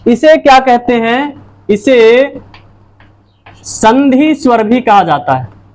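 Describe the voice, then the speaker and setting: A woman's voice: a little high, lively intonation, slow, darkish tone. A woman teacher giving a lecture, asking her own questions and answering them, and repeating each key point. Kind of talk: classroom-style lecture.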